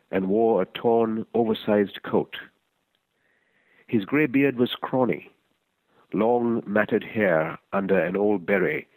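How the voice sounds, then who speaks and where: A man reading a first-person short story aloud in a measured, reflective way. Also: on the low side, darkish tone, no room sound, low-quality recording. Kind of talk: scripted story narration.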